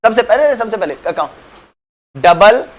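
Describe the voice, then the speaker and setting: A man teaches accounts in a chatty classroom lecture, posing questions to students and answering them himself while mixing English phrases into his Hindi. He affectionately calls students "beta," and his high, expressive voice moves a little slowly.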